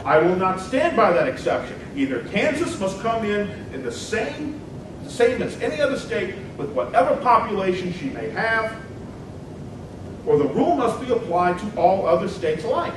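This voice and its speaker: A man plays a combative 19th-century senator, declaiming a stump debate speech in a high-pitched, sing-song, formal, emphatic voice at normal speed. The argumentative reading is captured from a distance in a very reverberant hall with clear rumbling noise.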